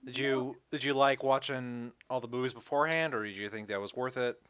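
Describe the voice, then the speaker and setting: A man's voice: medium pitch, a little fast, fairly bright tone, clean tone, no room sound. A man hosting a casual podcast chat, laughing often and swearing casually. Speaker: podcast host.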